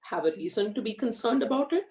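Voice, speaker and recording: A woman's voice: on the high side, lively intonation, darkish tone. Woman, roomy distant sound. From India, raised in Australia. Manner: frank, measured, many fillers. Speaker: guest. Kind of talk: conversational interview. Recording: echoey room, far from the mic.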